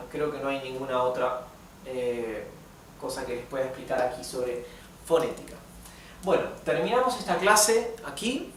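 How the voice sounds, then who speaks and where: A man teaching a language lesson, explaining pronunciation patiently and reading examples slowly. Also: a little high, fairly bright tone. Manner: patient, slow and repetitive, reads examples aloud slowly. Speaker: German teacher. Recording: echoey room from a distance, faint noise.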